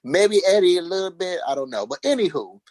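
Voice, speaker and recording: A man co-hosting a casual podcast chat, telling stories in an animated way and laughing often. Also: high voice, fairly quick, no echo. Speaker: podcast co-host. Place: at work, listening on headphones.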